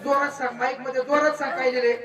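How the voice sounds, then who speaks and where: A man's voice: extremely high pitch, flat delivery, very fast, background noise. Marathi-accented male magician, commanding patter, heard from afar over a crowd. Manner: commanding, counts and barks drill orders. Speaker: stage magician. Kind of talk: live stage patter with children. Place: outdoor birthday event. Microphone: handheld stage mic. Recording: echoey crowd, far from mic.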